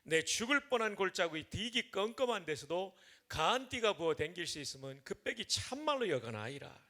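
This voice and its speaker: A man recites a psalm in a put-on Gyeongsang dialect as a rough, forceful speaker. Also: sits high, big pitch swings, normal speed, exaggerated voice.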